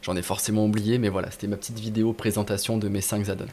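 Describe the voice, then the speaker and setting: A man's voice: on the low side, flat delivery, fast, dark tone, a little hiss or hum. A man casually walking viewers through game add-ons on screen, talking informally with many fillers and restarts. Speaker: gaming video host. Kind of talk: casual screen-share tutorial.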